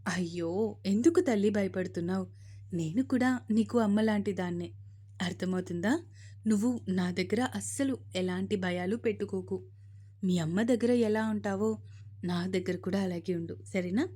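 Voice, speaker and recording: A woman's voice: mid-range voice, normal speed, mellow, slightly rough, voice pushed down, natural voice. A woman voicing a stern but loving middle-aged mother-in-law who gives firm orders in a storybook reading. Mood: commanding, affectionate. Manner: commanding, firm.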